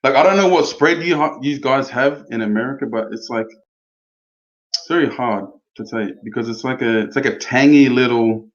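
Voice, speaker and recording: A man's voice: mid-range voice, moderate pace, highs cut off. A young man from Australia with an Australian accent, a guest who rambles with lots of fillers and laughs often. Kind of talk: casual chat.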